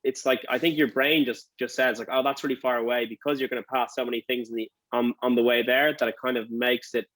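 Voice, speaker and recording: A man's voice: medium pitch, flat delivery, a little fast, hardly any pauses, a bit bright, no echo, poor audio. A man with a Dublin accent giving casual interview answers, rambling as he thinks aloud. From Dublin, Ireland. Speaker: interview guest, restaurant owner.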